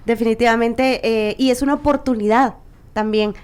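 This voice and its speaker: A woman's voice: fairly high pitch, steady tone, normal speed, smooth. A woman, hosting a morning talk show in casual conversation with lots of short backchannels. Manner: warm, many short backchannels.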